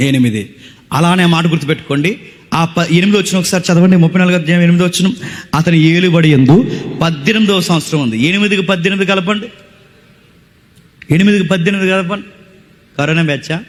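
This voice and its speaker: A man with a Telugu accent delivers a passionate sermon, firing rhetorical questions at his congregation and hammering phrases over and over. His voice sits notably high for a man. It rings out with a long reverb, as from a large hall. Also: fairly bright tone. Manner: impassioned, rhetorical questions, repeats phrases, scolds the audience. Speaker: preacher.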